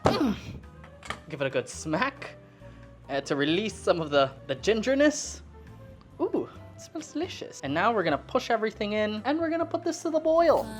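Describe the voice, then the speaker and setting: A Filipino cooking vlogger in her twenties chats and rambles casually while cooking in her home kitchen, poking fun at herself. Her mid-range voice is very animated at a normal speed, with music playing in the background.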